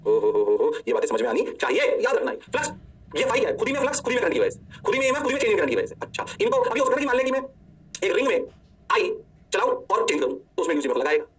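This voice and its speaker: A high-pitched male physics teacher with a Hindi accent races through his lecture at a rapid clip. He plays both teacher and student, answering his own questions with mock praise. His voice sounds a little distant from the microphone. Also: a bit bright, husky. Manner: playful, answers himself in a student's voice. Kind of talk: energetic lecture.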